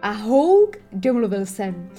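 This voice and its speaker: A woman's voice: medium pitch, very animated, mellow, faint music behind, lightly acted. A woman voicing a proud, bossy boy leader who speaks sternly and solemnly. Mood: stern, commanding.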